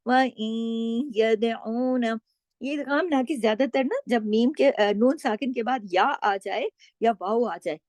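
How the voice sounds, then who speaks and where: Teaching the rules of recitation, this middle-aged woman patiently explains tajweed and offers slowly recited examples, asking questions only to answer them herself. She has a slightly high, slightly mellow voice, captured in a dry recording.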